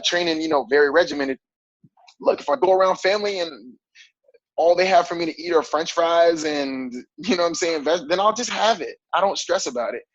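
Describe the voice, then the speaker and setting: A man's voice: a little high, no room sound, dull audio. A man in his thirties, a fitness coach, talking casually in an interview with lots of fillers and easy laughs. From grew up on military bases overseas. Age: 30s. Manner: relaxed, rambling, frequent fillers and laughs.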